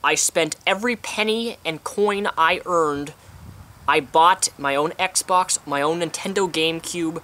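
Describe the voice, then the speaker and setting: A man's voice: a little high, measured pace, pushed and bright. A young man giving his opinions in a casual vlog, chatty and talking with food in his mouth, recorded outdoors. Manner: chatty, eating while talking. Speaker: vlogger. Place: outdoors on a sunny day.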